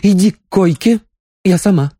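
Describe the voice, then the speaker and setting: A man's voice: high voice, moderate pace, dark tone, no room sound, studio quality, voice pushed up. A man voicing a jealous, hot-tempered young woman, bitter and tearful. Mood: commanding.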